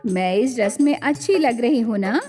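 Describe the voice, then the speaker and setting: A middle-aged village mother-in-law from a cartoon storybook, voiced by a woman, scolding and then boasting about herself. Her pitch is raised and lively, and she speaks slowly. The sound carries long reverb with faint music behind. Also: lightly acted. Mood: vain. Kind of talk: storybook character voice.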